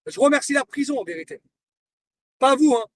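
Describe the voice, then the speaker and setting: A man with a very high speaking voice delivers a confrontational live-stream rant, taunting and hammering the same lines over and over. He sits some way back from the mic, and a faint hiss of noise runs under his voice. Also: expressive, brisk, distant mic. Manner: confrontational, repeats himself, taunting. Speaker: livestreamer.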